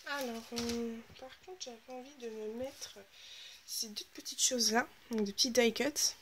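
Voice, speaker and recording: A woman's voice: on the high side, fairly even intonation, measured pace, background noise. A woman hosting a casual scrapbooking video, chatting and thinking aloud as she works, sometimes dropping into half-whispers. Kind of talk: casual crafting tutorial chat.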